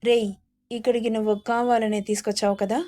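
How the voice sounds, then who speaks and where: A man's voice: high-pitched, level tone, fast talker, warm tone, close to an everyday voice. Woman voicing a furious hot-tempered young man. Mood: angry. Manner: harsh, commanding.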